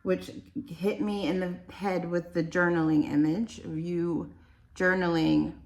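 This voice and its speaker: A woman's voice: fairly low pitch, gravelly, reverberant. A woman giving a casual, rambling spiritual card reading, chatty and enthusiastic. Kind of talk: casual tarot-style reading.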